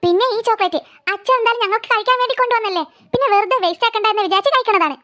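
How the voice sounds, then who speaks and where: A woman's voice: rapid-fire, fairly bright tone. A woman voicing a sulky, jealous little girl who cries and whines in a cartoon. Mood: whiny. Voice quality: very high childlike voice. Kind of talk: cartoon voice acting.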